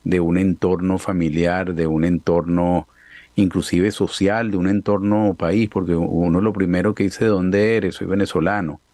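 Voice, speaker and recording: A man interviewing a guest, building a long, measured question step by step. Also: low voice, level tone, mellow, dry recording.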